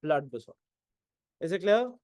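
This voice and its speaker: A man with an Indian English accent teaching an exam-prep class, mixing Hindi and English and often asking whether it is clear. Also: fairly high pitch, animated, extremely slow, a little mellow, dry recording. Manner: keeps asking "is it clear?", questions and answers his own prompts.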